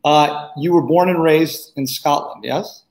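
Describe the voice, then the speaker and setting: An older man hosts an interview show with an upbeat, effusive manner, often repeating words as he starts his questions. His voice sits a bit high, and the studio gives it a noticeable roomy echo. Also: a little slow, a little mellow. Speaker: show host. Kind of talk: hosting a video interview. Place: small studio set indoors. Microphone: studio microphone close up.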